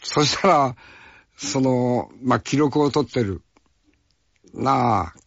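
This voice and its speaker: A man from Fukuoka who works as an actor recalls a film shoot in casual, unhurried storytelling. He speaks in a rough, folksy way and keeps adding little tag questions. The recording is dry and slightly muffled. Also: medium pitch, no room sound.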